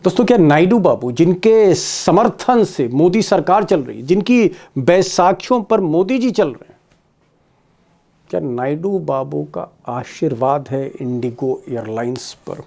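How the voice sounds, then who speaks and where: Emphatic high-voiced male commentator. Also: lively intonation, a little slow, gravelly, mellow. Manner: emphatic, rhetorical questions, repeats key phrases. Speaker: YouTube political commentator. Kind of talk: political commentary monologue.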